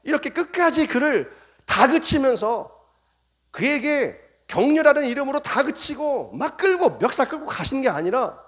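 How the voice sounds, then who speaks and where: A man's voice: extremely high pitch, very animated, moderate pace, fairly bright tone. A male pastor preaching a revival sermon in a church, acting out dialogue in shifting voices. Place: church sanctuary.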